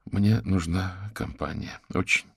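A man's voice: low-pitched, takes it slowly, creaky, slightly rough, no room sound, clean studio sound, heavily acted. A man voicing a shaken young woman who has been drinking and is worn out, read in an audiobook. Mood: shaky. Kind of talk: audiobook character reading.

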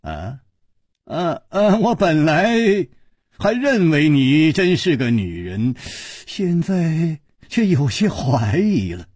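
A man's voice: on the high side, slow, slightly rough, no echo, exaggerated voice. A man doing a cool, mocking young hero. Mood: coolly amused. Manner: relaxed, dry, amused. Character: calm, mocking young male hero, unflappable.

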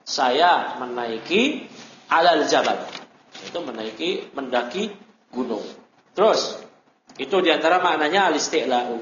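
A man's voice: high-pitched, gravelly, fairly bright tone, slight background noise. Man, religious teacher, grammar lesson, repeats terms, asks students questions, lo-fi echoey recording. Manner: explains step by step, repeats terms, quizzes students. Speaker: Islamic teacher. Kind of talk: classroom lecture on Arabic grammar. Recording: roomy, dull lo-fi recording.

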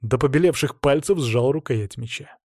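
A man's voice: mid-range voice, moderate pace, darkish tone, no room sound, clean studio sound. A man reading dramatic first-person fantasy narration as an audiobook narrator.

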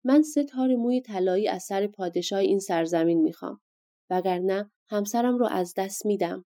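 A woman's voice: mid-range voice, mellow, no room sound, studio quality, close to an everyday voice. A woman voicing an earnest young man on a quest in a storybook reading.

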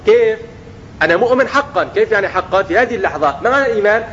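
Fast-talking, high-pitched preacher. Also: male voice, dull audio, slight background noise. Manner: lively, asks the listeners questions and answers them himself; acts out everyday speech in quotes. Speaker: Islamic preacher teaching young people. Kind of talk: religious lesson.

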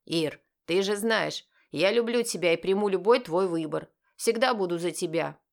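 A woman voicing a grown-up younger brother who talks in a slightly lower, steady, coaxing way. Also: moderate pace, creaky. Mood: earnest.

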